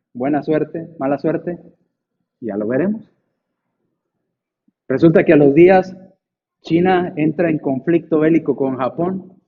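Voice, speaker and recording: A man preaching a sermon, telling a story and acting out the villagers' voices with big jumps in pitch. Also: muffled recording. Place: church.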